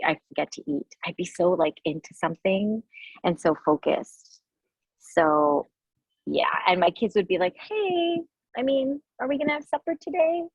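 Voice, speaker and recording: A woman with a lowish, husky voice joins a podcast over a video call as a guest author and coach, and the sound is lo-fi with no echo. Warm and casual, she laughs often and says "like" a lot throughout the interview chat.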